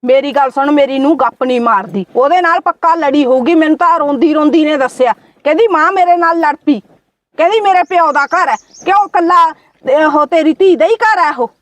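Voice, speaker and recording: A woman plays a sharp-tongued village mother who scolds and accuses nonstop in a very high voice. Her lines sound close and dry. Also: fairly quick, no room sound, close to an everyday voice. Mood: scolding. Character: sharp-tongued middle-aged mother demanding land for her son. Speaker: actor in a family skit. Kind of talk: home-made family drama skit.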